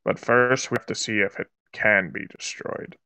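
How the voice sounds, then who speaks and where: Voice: mid-range voice, moderate pace, bright, forceful tone, clean tone, no room sound. A player in casual, in-character banter during a tabletop role-playing game.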